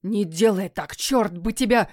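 Brief: woman reader doing a stern, mocking talking cat, gruff and curt, dry close sound. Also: mid-range voice, measured pace, darkish tone, no room sound, close to an everyday voice.

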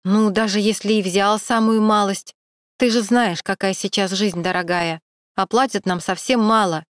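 A woman's voice: medium pitch, steady tone, moderate pace, no echo, close to an everyday voice. Woman reading as a nervous male security guard, mumbling, wheedling, evasive, dry close sound, audiobook.

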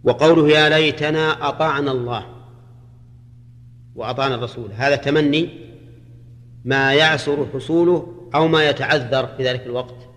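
A man from Arabia, a religious scholar teaching a class on Quranic grammar in measured explanations, often checking his listeners with a quick question. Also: fairly high pitch, steady tone, fairly bright tone. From Saudi Arabia. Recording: reverberant hall recording.

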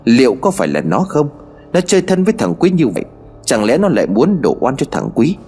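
A man's voice: sits low, sing-song, quick pace, darkish tone, faint music behind, pitched below the performer's own voice. A man doing a troubled, sighing father. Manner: sighing, earnest. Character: troubled middle-aged father, earnest.

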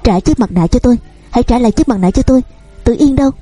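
A woman's voice: a little high, lively intonation, quick pace, mellow, husky, no room sound, soft background music, pitched above the performer's own voice. A woman reading the part of a desperate, disfigured young man who pleads in anguish.

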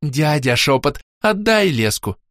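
A man's voice: on the high side, very animated, a little slow, a bit bright, no echo, studio quality, pitched above the performer's own voice. A man voicing a stubborn teenage girl goddess who keeps insistently demanding things, in an audiobook.

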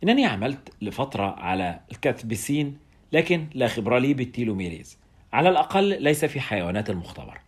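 A man voicing a calm, dryly sarcastic male lab doctor in a storybook reading, with a husky voice. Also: medium pitch, quick pace. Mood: casual.

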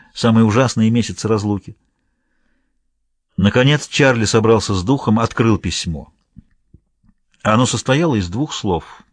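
A man narrating an audiobook in a measured, steady reading voice. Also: medium pitch, no echo, clean studio sound. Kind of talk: scripted narration.

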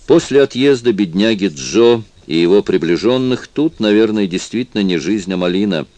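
A man reading a calm, thoughtful older man who speaks in a measured way. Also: lowish voice, dry recording, natural voice.

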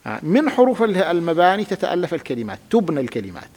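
A man's voice: sits high, big pitch swings, very fast, a little mellow. A man teaching a classical grammar lesson, patiently explaining step by step and having his student repeat words. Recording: reverberant room with long echo.

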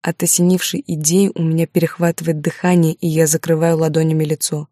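A woman's voice: low-pitched, little pitch movement, a little fast, dark tone, dry recording, clean studio sound. A woman narrating a first-person novel in an emotional, dramatic way. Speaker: audiobook narrator.

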